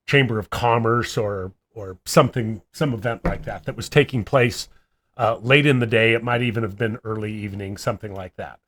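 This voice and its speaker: Chuckling man telling a rambling family story. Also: medium pitch. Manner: rambling, with many fillers and frequent chuckles. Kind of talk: casual storytelling chat.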